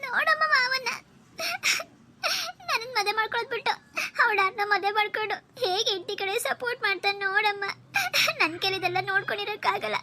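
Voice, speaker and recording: A woman's voice: very high-pitched, quick pace, bright, forceful tone, a little hiss or hum, voice pushed up. A woman voicing a lovesick young woman in a cartoon who whines and pleads through tears. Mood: tearful. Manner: whiny, pleading, sobbing. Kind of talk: Kannada cartoon voice acting.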